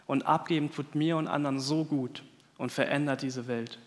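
A man preaching a sermon in a church, emphatic, stacking lists of words and letting phrase ends fall quiet. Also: on the high side, steady tone, normal speed, in a large hall.

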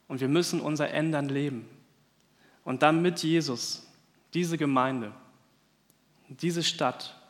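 A man preaching a sermon in a church, emphatic, stacking lists of words and letting phrase ends fall quiet. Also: on the high side, long reverb tail.

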